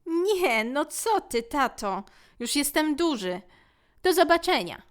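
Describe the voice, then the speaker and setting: A boastful young boy from a children's storybook, eager to seem brave and grown-up, voiced by a woman reader. He talks in a raised, lively, bouncing voice. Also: sits high, slow, voice pushed up, exaggerated voice. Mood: nervous. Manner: cocky, eager.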